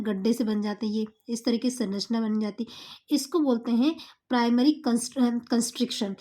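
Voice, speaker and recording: A woman with a high, mellow voice gives a biology lesson in a steady classroom manner. She keeps putting questions to her listeners and answering them herself. She drills each new term by saying it again and again. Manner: asks questions and answers them herself, repeats key terms. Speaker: teacher. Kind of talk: classroom-style lecture.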